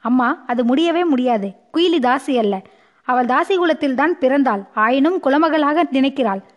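An earnest young prince who pleads his case in an audiobook story, his lines read by a woman. The voice is high-pitched. The sound is muffled and lo-fi. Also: animated, normal speed. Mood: pleading.

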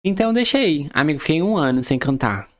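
A man talking as a podcast guest singer, telling stories in an animated, exclamatory way in casual chat. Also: a little high, fast.

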